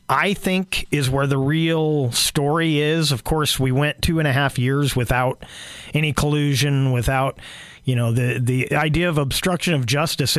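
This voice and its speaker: A hoarse man delivers solo political commentary at a middle pitch, stumbling through restarts and fillers as he goes. The sound is dry and close, with no room around it. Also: a bit bright, no room sound. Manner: halting, many fillers and restarts. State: losing his voice, clearing throat.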